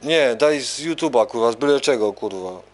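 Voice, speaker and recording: A man's voice: mid-range voice, animated, moderate pace. A man ranting in a loose, rambling way, repeating himself and swearing constantly. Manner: rambling, repetitive, heavy swearing. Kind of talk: profane rambling rant and freestyle rap. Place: recording studio.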